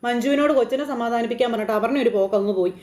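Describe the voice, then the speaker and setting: A woman's voice: fairly high pitch, rapid-fire, darkish tone. A woman casually retelling a TV serial episode in a chatty way, adding tag fillers and repeating what the characters said. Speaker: recap narrator of a TV serial. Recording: roomy echo.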